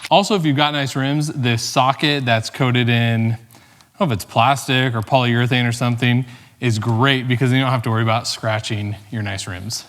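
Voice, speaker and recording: A relaxed man talking through a car repair in his home garage, walking the viewer through each step. His voice sits in the middle of the male range, and a long reverb hangs behind it from the open space. He drops in dry, joking asides as he goes. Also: medium pitch, normal speed. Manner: laid-back, chatty, dry joking asides. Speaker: DIY car vlogger. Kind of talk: casual how-to narration.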